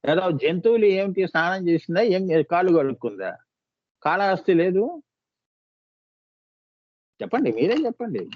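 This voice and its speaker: A man's voice: sits high, expressive, normal speed, pauses often, dry recording, lo-fi sound. A man delivering a devotional discourse as a spiritual teacher, pressing listeners with rhetorical questions, coaxing and scolding.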